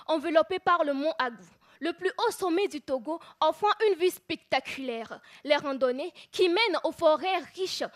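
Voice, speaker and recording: Contestant, woman, high bright pitch, lyrical declamation. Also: lively intonation, normal speed. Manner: lyrical, oratorical. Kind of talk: declaimed speech praising a hometown.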